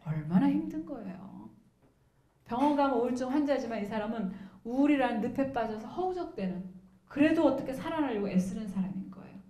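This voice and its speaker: Brief: woman professor, fairly high voice, lively question-and-answer lecture, echoey hall. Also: a little fast. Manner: lively, asks questions and answers them herself.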